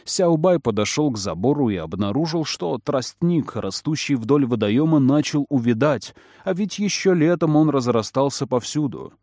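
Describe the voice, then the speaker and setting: Expressive male storybook narrator. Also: medium pitch, moderate pace, hardly any pauses, no echo, studio quality. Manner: expressive, varied intonation. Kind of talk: storybook reading.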